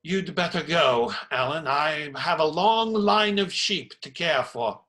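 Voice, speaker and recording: Man playing bright, animated, kindly Friar Tuck. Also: fairly high pitch, exaggerated voice. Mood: fatherly. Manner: measured, pious, gently fussy. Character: kindly, proper male medieval friar hearing confession. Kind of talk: theatrical radio play acting.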